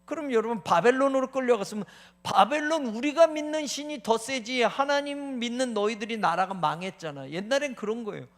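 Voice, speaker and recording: A male pastor preaching a sermon, animated, asking rhetorical questions, addressing the congregation, and acting out mocking taunts and anguished prayers. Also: very high-pitched, brisk, few pauses. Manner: addresses the congregation as "you all".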